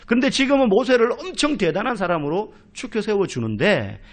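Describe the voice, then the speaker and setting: Animated high-voiced male pastor preaching. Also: fairly quick. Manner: animated storytelling, acts out quoted speech. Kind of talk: expository sermon with personal stories. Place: church sanctuary.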